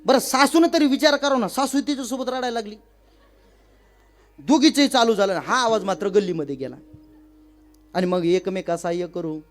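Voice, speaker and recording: A man preaching a comic devotional sermon, telling stories and acting out village women in a high wailing voice. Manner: addresses listeners as maharaj. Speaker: kirtan preacher.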